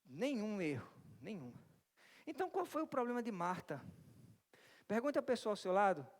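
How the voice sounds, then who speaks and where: Um pastor brasileiro pregando e fazendo perguntas à congregação, com um jeito animado e bem-humorado. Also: male voice, very high-pitched, fairly quick. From Brazil. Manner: lively, asks the congregation questions and jokes with them. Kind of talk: interactive sermon. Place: church hall. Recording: long church reverb.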